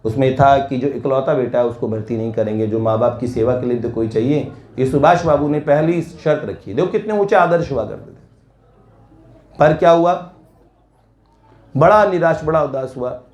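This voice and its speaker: A man's voice: mid-range voice, moderate pace, darkish tone. A man preaching a devotional sermon, telling a story earnestly and exhorting his listeners. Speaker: satsang preacher. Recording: echoey room.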